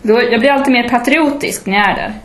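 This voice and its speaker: A woman's voice: a little high, reverberant. A woman from Sweden, telling stories in a casual chat and mimicking people she meets. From northern Sweden. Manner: lively storytelling, mimics people.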